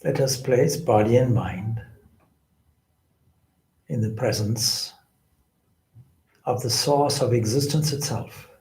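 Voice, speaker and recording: A meditation teacher, a swami, gives guided spiritual instruction very slowly, his deliberate, measured phrasing broken up by pauses. His mid-pitched, darkish voice echoes in the room.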